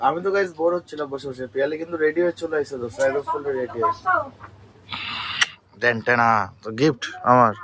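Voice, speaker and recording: A hoarse young man with a cold, vlogging from home on a phone and chatting straight to his viewers. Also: mid-range voice, slight background noise. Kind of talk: casual daily vlog. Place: at home, indoors.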